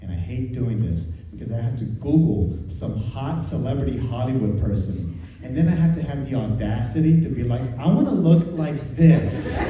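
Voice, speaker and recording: A man's voice: mid-range voice, dark tone. A man doing conversational stand-up comedy, telling self-deprecating stories in a casual way to a live audience. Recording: echoey room, distant, faint noise.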